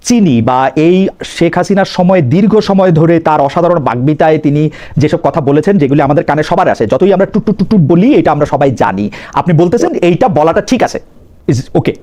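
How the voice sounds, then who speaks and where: A man's voice: a little high, lively intonation, fast talker, mellow. A man hosting a live political talk show, pressing his guest with repeated questions and mixing English phrases into his speech.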